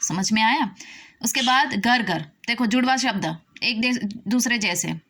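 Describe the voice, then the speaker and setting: Female teacher, unhurried, repeats terms, asks if the class understood. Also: on the high side, animated, pushed and bright. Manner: explains slowly, repeating words and asking "did you understand?". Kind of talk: classroom grammar lesson.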